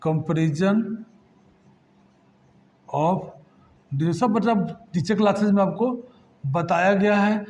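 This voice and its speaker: A high-pitched man teaches a math lesson to children. He keeps quizzing them, then answers his own questions in a patient, repetitive classroom manner. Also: slow pace, long pauses, darkish tone. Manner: addresses students as kids, asks and answers his own questions. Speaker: math tutor.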